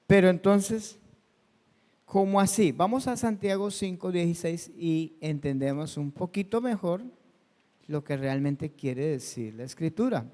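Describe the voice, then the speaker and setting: A man's voice: a little high, measured pace, warm tone. A male pastor preaching a sermon in a conversational way, asking his congregation questions and telling personal stories. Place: church hall. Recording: long hall reverb.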